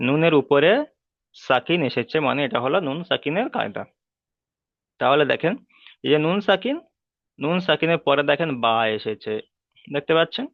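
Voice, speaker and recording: A male Quran teacher explains reading rules in a patient, repetitive way and keeps asking his listeners checking questions. He draws out the Arabic sounds slowly when he demonstrates them. His voice sits at a middle pitch and comes through dry and tinny, like a phone line. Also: gravelly, dry recording. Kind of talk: online tajweed lesson.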